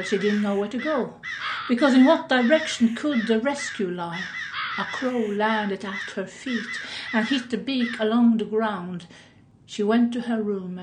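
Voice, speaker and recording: A woman tells a fairy tale slowly and deliberately at a middling pitch. She sometimes turns to address the listener directly. Faint room noise lies under her voice. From Norway. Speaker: storyteller.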